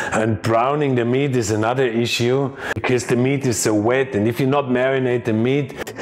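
A man, explaining a cooking lesson to camera in a home kitchen, chatty and emphatic. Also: mid-range voice. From Austria. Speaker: chef and cooking teacher.

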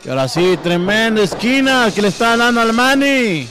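A man's voice: extremely high pitch, expressive, normal speed. Male wrestling co-commentator, very varied intonation, short interjections, live color commentary, noisy venue recording. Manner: brief interjections and exclamations in wrestling-commentator manner.

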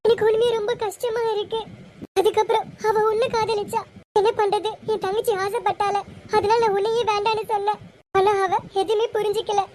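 Her voice sits very high and thin, with a faint hiss in the background. She plays a wounded young wife in an amateur serial, pleading and near tears as she pours out her hurt, voiced by a woman. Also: flat delivery, fairly quick, a little mellow. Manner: pleading, tearful. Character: distraught young wife betrayed by her sister. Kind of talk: amateur Tamil serial voice acting.

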